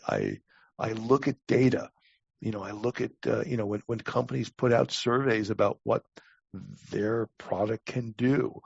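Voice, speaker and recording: An older man with a lowish voice and a heavy gravelly creak answers conversational interview questions as a podcast guest who works as a talent acquisition advisor. He's blunt and emphatic, halting and repeating words. The lo-fi audio is dull and muffled, with no room sound.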